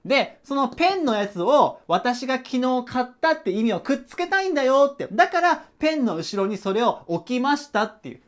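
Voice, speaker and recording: A man's voice: very high-pitched, big pitch swings, a little fast, few pauses. A man teaching an English grammar lesson at a whiteboard in a casual, chatty way, checking in with rhetorical questions.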